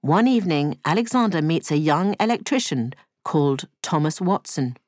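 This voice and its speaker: A woman narrating a cartoon story in a scripted, clear storybook manner. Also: low-pitched, animated, normal speed, a little mellow, no room sound, clean studio sound.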